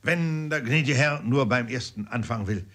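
A man's voice: mid-range voice, moderate pace, fairly bright tone, lightly acted. A man reading an audiobook, voicing an eager old army corporal who barks his words like drill commands. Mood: shouting drill.

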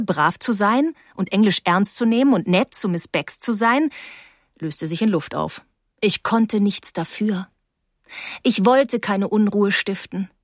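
A woman reading first-person narration for an audiobook in a lively, wry storytelling manner. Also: mid-range voice, dry recording, studio quality.

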